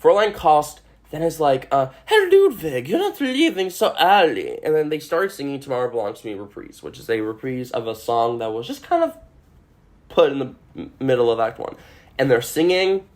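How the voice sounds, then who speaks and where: A man hosting a podcast, retelling a stage musical in a rambling, excitable, sweary way, full of "like" and restarts. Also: mid-range voice, a little fast. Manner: many fillers and restarts. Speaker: podcast host. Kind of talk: casual chat.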